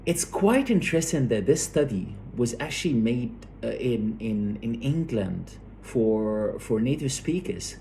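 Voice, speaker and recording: A male lecturer works through academic material very unhurriedly in a mid-pitched, slightly mellow voice that's creaky and swings widely in pitch. He hesitates, repeats words and checks understanding along the way, with faint noise in the background.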